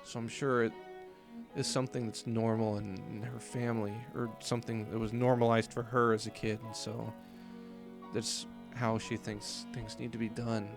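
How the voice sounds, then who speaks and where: A man's voice: lowish voice, little pitch movement, normal speed. A man casually talking through a visual novel he is playing. He swears often and fills his speech with "like.". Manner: casual, swears often, heavy use of filler "like". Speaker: let's play host. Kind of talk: casual commentary while reading a visual novel. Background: game music.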